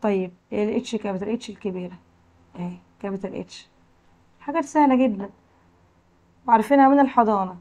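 A woman with an Egyptian accent teaching English to young children, slowly modelling words and letter sounds. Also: mid-range voice, dark tone. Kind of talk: classroom lesson explanation.

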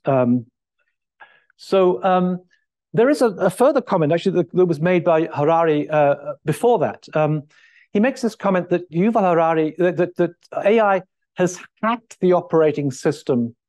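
Middle-aged guy lecturing at a podium, mellow tone, lots of ums and restarts. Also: high voice. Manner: thinking aloud, many fillers and restarts. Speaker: keynote speaker. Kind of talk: conference lecture. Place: large lecture hall, at a lectern.

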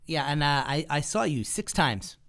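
A man in his thirties co-hosting a comedy podcast, agreeable and quick to laugh, often stammering as he restarts his sentences. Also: a little high, animated, a bit bright. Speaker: podcast co-host. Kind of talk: casual chat.

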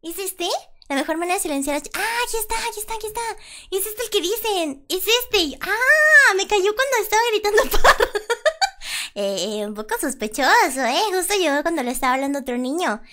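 A woman, chatting casually as a streamer and often bursting into loud laughter. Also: very high voice, big pitch swings, a little fast. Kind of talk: casual livestream reaction.

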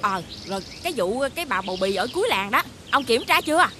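A woman's voice: fairly high pitch, very animated, fast, music in the background. A woman voicing a stingy, bad-tempered rich old wife in a cartoon, scolding and nagging. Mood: complaining. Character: shrill bossy rich old wife, stingy and quick to anger. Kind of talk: animated cartoon dubbing.

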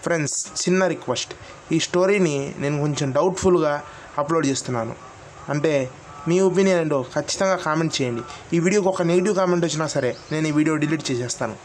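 A man's voice: a little high, fast, slight background noise. A man telling a horror story in the first person, narrating plainly and acting out the quoted lines.

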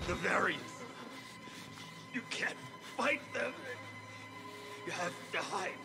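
An actor playing a weak, frightened man in a video game, halting and breathless as he gives warning. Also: sits high, animated, vocal fry, heavily acted. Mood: frightened, urgent. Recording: distant, under loud game music.

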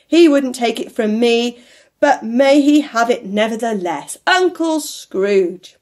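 A woman voicing a jovial, good-natured young gentleman in a storybook, with hearty, emphatic delivery. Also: on the high side, big pitch swings, fairly quick.

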